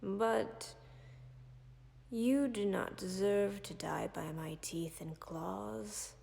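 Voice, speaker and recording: A woman voice actor gives a heavily acted performance as a calm, tender female dragon in audio roleplay for a listener. The voice is deeply gravelly with lots of fry, soft, measured and very slow, often nearly whispered, and it trails away into lingering reverb.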